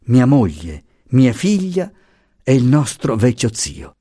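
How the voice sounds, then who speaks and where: A man reading the lines of a resolute, tender young husband who speaks in a hushed way. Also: medium pitch, wildly swooping pitch, slow, no room sound, studio quality, heavily acted.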